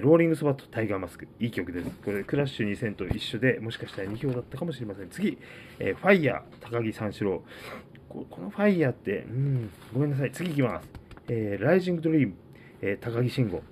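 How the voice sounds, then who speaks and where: A man hosting a casual solo talk, reading out items one by one and musing about each with many fillers and pauses. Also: medium pitch, expressive, a little mellow, a little hiss or hum. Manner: rambling, filler-heavy, reads out list items. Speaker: podcast host.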